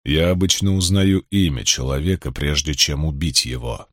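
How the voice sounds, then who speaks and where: A man's voice: very deep voice, moderate pace, no echo, clean studio sound, voice pushed down. A man voicing a menacing guard leader who hisses threats. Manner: hissing, threatening.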